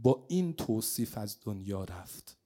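Preacher, storytelling sermon, slow Arabic recitation, swings loud to hushed. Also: male voice, on the low side, big pitch swings. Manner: recites Arabic slowly, then explains in Persian; dramatic swings between loud and hushed delivery. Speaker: religious speaker.

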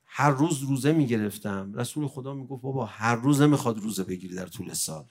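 A man giving a religious sermon, swinging from quiet, measured explanation to emotional, pleading outbursts. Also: medium pitch, expressive. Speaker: preacher.

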